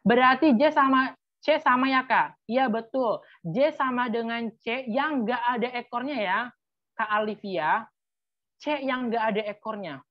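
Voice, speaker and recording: Female tutor, bright-ish voice, patient live class, dull dry recording. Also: fairly high pitch. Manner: patient, repeats letters slowly, casual fillers. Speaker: language teacher. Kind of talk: live online language lesson. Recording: slightly muffled dry sound.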